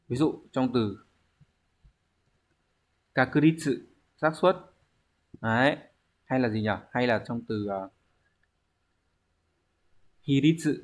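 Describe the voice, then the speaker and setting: A man, teaching a language exam review lesson, explaining step by step and answering his own questions. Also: medium pitch.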